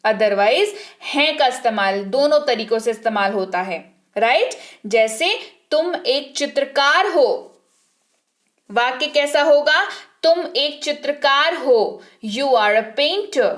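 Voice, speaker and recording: A woman teaching English vocabulary, reading each example sentence very slowly and clearly, twice over. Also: sits high, expressive, a bit bright. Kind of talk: vocabulary lesson with slow spoken examples.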